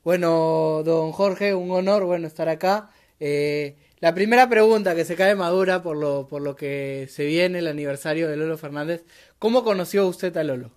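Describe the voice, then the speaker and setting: A man's voice: on the high side, normal speed, darkish tone. A man as co-host, greeting the guest politely and posing questions in a small room. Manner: courteous, deferential to guest. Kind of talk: interview questions. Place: small cluttered decorated room, indoors.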